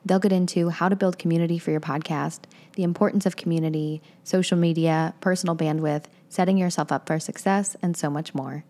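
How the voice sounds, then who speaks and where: A woman reading a scripted episode introduction in a clear, orderly way. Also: on the low side, fairly even intonation, fairly quick, few pauses, mellow. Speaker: events head introducing episode.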